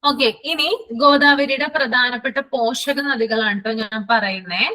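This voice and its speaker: A woman teacher, running a live online class and repeating lists slowly so students can write them down. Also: a little high, fairly even intonation, bright, forceful tone, rough recording.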